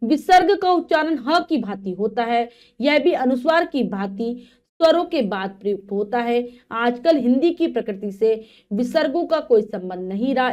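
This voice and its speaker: A woman teaching a grammar lesson to children. She reads out definitions, re-explains them in simple words, and spells out letters and examples slowly. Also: on the high side, a little mellow. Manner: slow, drawn-out recitation of letters and examples.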